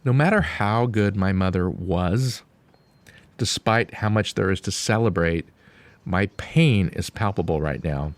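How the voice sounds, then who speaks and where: Guy reading a eulogy, kinda low voice, solemn and grieving, careful pauses. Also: no echo. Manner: slow, deliberate, grieving, with pauses. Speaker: son giving a eulogy. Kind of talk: solemn eulogy read aloud from a written text.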